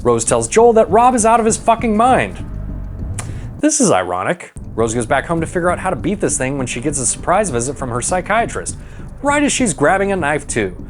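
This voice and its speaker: Lively, sarcastic man narrating over music. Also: fairly high pitch, brisk. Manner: sarcastic, irreverent, sweary. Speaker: host and narrator of movie recap show. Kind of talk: comedic scripted narration. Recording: music behind the voice. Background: background music.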